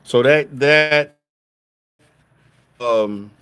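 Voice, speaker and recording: A man's voice: medium pitch, drawn-out words, a bit bright, smooth. A middle-aged man from Louisiana, a therapist talking casually to viewers, stressing his points with "okay?" and often restarting his sentences. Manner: repetitive restarts, emphatic "okay?" check-ins.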